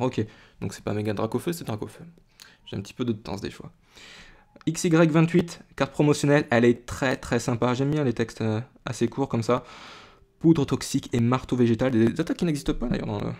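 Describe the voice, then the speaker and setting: A man's voice: mid-range voice, a little mellow. A young man from France chatting casually to viewers as he opens a box of trading cards, rambling with frequent restarts and fillers. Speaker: YouTuber opening card boxes. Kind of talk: casual chat to camera.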